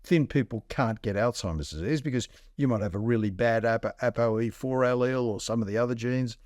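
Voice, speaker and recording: Talking bluntly on a casual health podcast, a male doctor co-host lays out numbers in everyday terms. He sounds brisk, with a mid-range voice and darkish tone, recorded dry in clean studio sound.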